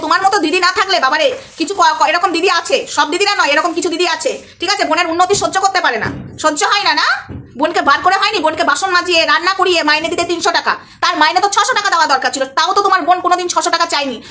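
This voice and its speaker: A woman's voice: extremely high pitch, sharp tone. A young woman hosting a ranting commentary vlog, scolding someone with rhetorical questions and repeating her points. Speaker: vlogger host.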